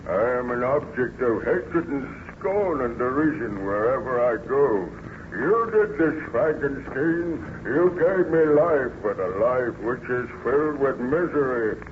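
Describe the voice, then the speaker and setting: A man's voice: medium pitch, animated, unhurried, natural voice. A man playing a lonely, bitter, menacing monster in an old-time radio horror drama, with solemn, declamatory delivery. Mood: anguished. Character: lonely, bitter, menacing male monster who learned to speak. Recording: muffled, noisy vintage radio recording.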